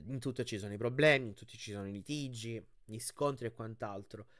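A man hosting his channel, reading a novel aloud with expressive storytelling and then commenting on the chapter in a chatty, thoughtful way. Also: fairly low pitch, a little fast, dry recording, clean studio sound. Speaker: audiobook reader and channel host.

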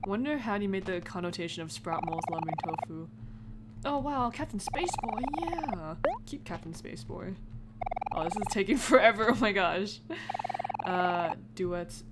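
This gamer's mid-range voice has lively intonation and a moderate pace. She reads game text aloud during her let's play and reacts casually with informal asides, and the recording is marked by heavy background noise and clicks.

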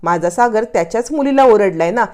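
A woman voicing a stern older grandmother in a drama recap, sharp and defensive. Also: medium pitch, lively intonation, a little fast, lightly acted.

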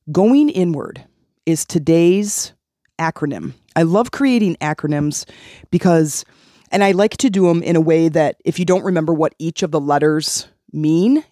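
On her healing podcast, this life coach speaks alone in a motivational, earnest, encouraging way, repeating phrases to drive points home. She has a low-pitched, warm voice, captured with studio quality and no room sound.

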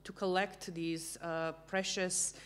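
Speaking through a stand-mounted table mic in a small gallery room, this curator from Romania gives a lecture-style talk about a book. She hesitates often and leans on fillers, yet stays earnest, her lowish voice level and clean in tone.

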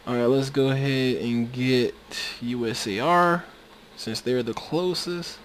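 Measured and fairly even in intonation, this mid-range male voice belongs to a video game commentator. His casual, wandering talk is full of fillers and restarts, captured on a USB microphone that cuts out, with a little hiss or hum.

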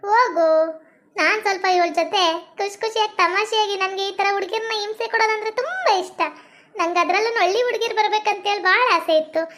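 Woman as sing-song, leering cellmate in a comic skit; high voice. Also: brisk, a bit bright. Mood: taunting. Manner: taunting, sing-song repetition. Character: pushy, leering female cellmate, bossy.

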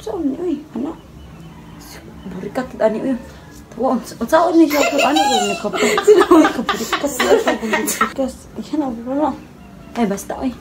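A woman's voice: high-pitched, lively intonation, moderate pace, music in the background. A young woman doing a chatty, teasing comic parody of a live-selling stream. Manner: chatty, teasing, addresses viewers as guys. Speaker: comedy vlogger. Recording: loud background noise.

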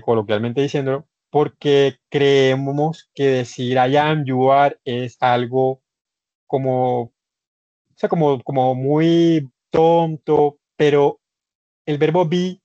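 A Colombian man explains English grammar to his students in a patient, repetitive teaching manner. His voice sits at an ordinary pitch. The recording is dry and somewhat muffled, like audio from an online session. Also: takes it slowly, dark tone, no room sound. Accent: Colombian Spanish. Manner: repeats points, addresses students as usted.

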